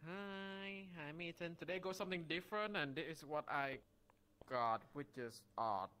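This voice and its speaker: A man with a fairly high, bright voice chats casually and cracks jokes. His tone is smooth and crisp. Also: animated, moderate pace. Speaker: role-play player.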